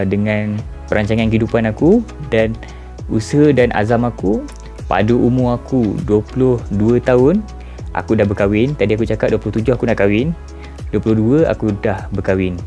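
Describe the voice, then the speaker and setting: Mellow-voiced young Malaysian man vlogging. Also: on the low side, moderate pace, soft background music. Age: 20s. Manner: informal, addresses viewers directly with rhetorical questions. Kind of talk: casual reflective monologue to camera.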